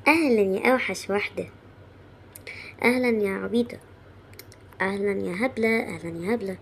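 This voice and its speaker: A woman's voice: mid-range voice, quick pace, gravelly, slight background noise, close to an everyday voice. A woman doing a sneering schoolgirl bully. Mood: taunting. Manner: taunting, sneering. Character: mean teasing schoolgirl bully.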